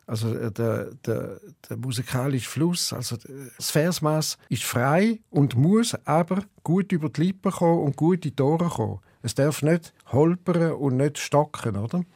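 A poet with a St. Gallen Swiss German accent, talking thoughtfully in an interview and hesitating often. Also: male voice, on the high side, expressive, moderate pace, hardly any pauses, darkish tone, breathy edge, no echo, studio quality. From eastern Switzerland. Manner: rhythmic, chanting recitation when reading poems. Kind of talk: interview and poetry reading.

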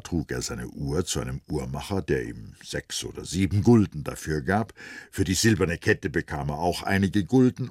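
A male narrator reads literary prose with an expressive, melodic delivery. His voice sits very low and moves through a wide range with a husky grain. It is recorded close and dry. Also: dry recording. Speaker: audiobook narrator.

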